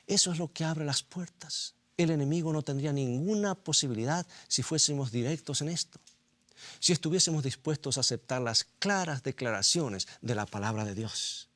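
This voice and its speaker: A man preaching a sermon, asking rhetorical questions and slowly repeating scripture for emphasis. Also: mid-range voice, a bit bright, dry recording.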